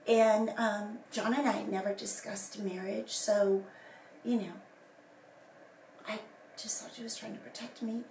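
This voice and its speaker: Her voice still hoarse and breathy from illness and often dropping into whispers, a woman rambles through a casual personal statement to camera, with many fillers and restarts. She has a medium-pitched, slightly mellow voice with fairly even intonation, a measured pace and long pauses. The sound is distant and echoey, with faint ambience and slight background noise.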